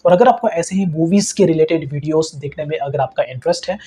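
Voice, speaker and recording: Fast-talking man chatting casually. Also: fairly high pitch, dark tone. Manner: rambling, restarts mid-word. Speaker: co-host giving his opinion. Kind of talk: casual chat.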